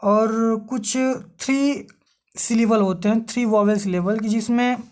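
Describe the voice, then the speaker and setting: A woman's voice: on the high side, measured pace, darkish tone. A woman giving an online exam-prep grammar lecture as a teacher. She keeps asking rhetorical questions and answering them herself, and spells words out letter by letter.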